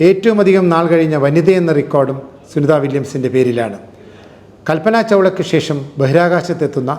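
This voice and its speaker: A man reads a scripted explainer, clear and methodical. His voice sits a touch higher than most men's. He lays out numbers and dates one after another at an even, steady pace. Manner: steady, fact-by-fact delivery of figures and dates. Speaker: narrator of a quiz-prep explainer. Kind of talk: scripted narration.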